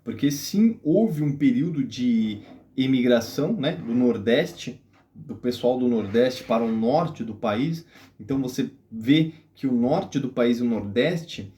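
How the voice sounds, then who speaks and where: A man's voice: medium pitch, lively intonation, unhurried, dark tone. A man with a Brazilian Portuguese accent talks straight to his audience in an easygoing explainer. His voice sits in an ordinary middle register. He stops often on filler sounds and throws rhetorical questions at his viewers. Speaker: video host. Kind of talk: casual explainer monologue.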